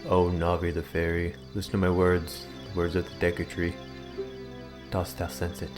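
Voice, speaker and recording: A man reading aloud as an ancient guardian tree spirit, slow, solemn and old-fashioned. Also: deep voice, monotone, over music, close to an everyday voice. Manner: slow, archaic, grave.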